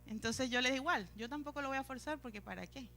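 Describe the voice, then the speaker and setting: A woman with a Colombian Caribbean Spanish accent preaching a sermon, acting out pleading prayers in a high, tearful voice. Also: quick pace, pushed and bright.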